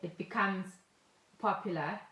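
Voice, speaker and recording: Co-hosting a podcast, a middle-aged South African woman explains things conversationally, occasionally reading from her notes. Her mid-range voice is pushed and bright at a measured pace, and the room gives a home-podcast echo.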